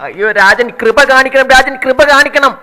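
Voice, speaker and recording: A man's voice: very high-pitched, normal speed, pushed and bright, long reverb tail, exaggerated voice. A man voicing a fawning, panicky male palace servant in a comedy skit. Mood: pleading.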